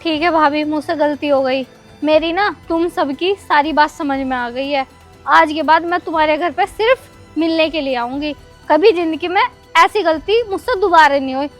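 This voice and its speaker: A woman's voice: high-pitched, moderate pace, faint music behind, lightly acted. A woman playing a proud defensive aunt. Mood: pleading. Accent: Haryanvi. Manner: sharp and defensive, then pleading. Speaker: actor in a rural family film.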